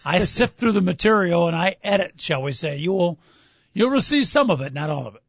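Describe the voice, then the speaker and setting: A man with a high-pitched voice hosts casual sports talk radio. He rambles and jokes wryly in easy banter. The sound is dry and a little dull, like band-limited broadcast audio. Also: lively intonation, a little fast, vocal fry, no echo. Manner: wry, joking, rambling.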